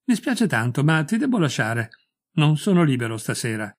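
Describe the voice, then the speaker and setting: A man voicing a loud, boastful and crude middle-aged former schoolmate, talking in a hearty, pushy way. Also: a little high, very animated, normal speed. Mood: boisterous.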